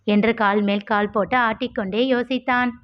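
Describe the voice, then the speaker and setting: A woman narrating a family story aloud, switching into lively voices for the characters. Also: fairly high pitch, moderate pace. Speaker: audiobook narrator. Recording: dull lo-fi recording.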